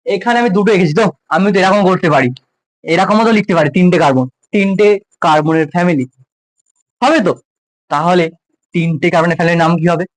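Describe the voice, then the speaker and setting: A man's voice: sits high, dry recording, low-quality recording. A male science teacher with a West Bengal Bengali accent, giving a casual, jokey classroom lecture to school students. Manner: informal, jokey, addresses students as close juniors.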